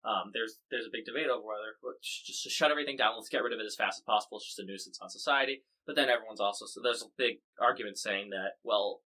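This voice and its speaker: Bright-voiced American podcast host, chatty. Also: male voice, fairly low pitch, fast talker, few pauses, low-quality recording. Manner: chatty, wry, lots of fillers and restarts. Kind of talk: casual news chat.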